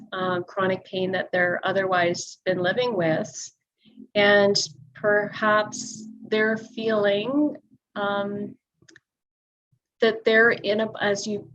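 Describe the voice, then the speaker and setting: A woman's voice: mid-range voice, slight background noise. Thoughtful woman instructor on a dull line. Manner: thoughtful, restarts often with ums. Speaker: guest fitness instructor. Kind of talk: casual conversation.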